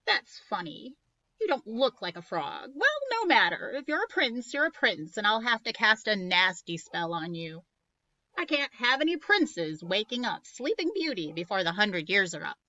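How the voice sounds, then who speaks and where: A woman's voice: medium pitch, big pitch swings, normal speed, pushed and bright, highs cut off, pitched above the performer's own voice. A woman voicing a suspicious witch guarding a sleeping princess. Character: stern sleepy-kingdom witch.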